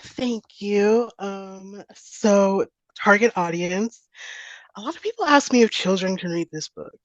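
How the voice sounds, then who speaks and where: A woman's voice: mid-range voice, a little slow, dry recording, muffled recording. A woman poet chatting as a podcast guest over a video call, laughing often as she talks. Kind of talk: casual interview chat.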